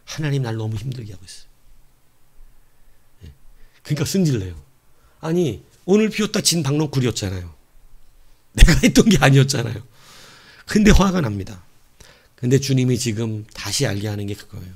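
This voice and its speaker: A middle-aged man preaching a sermon as pastor, telling the story playfully with laughs and dropping to quiet asides. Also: medium pitch, big pitch swings, fairly quick, long pauses, breathy edge.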